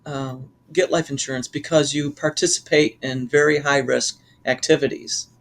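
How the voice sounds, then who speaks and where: A man co-hosting a casual podcast, explaining insurance with halting restarts. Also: medium pitch, steady tone, creaky. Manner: hesitant, restarts while explaining. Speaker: insurance professional co-host. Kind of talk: casual chat.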